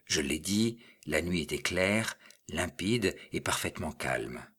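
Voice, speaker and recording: A man narrating a story aloud in a measured, expressive reading. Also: sits low, breathy edge. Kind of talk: audiobook reading.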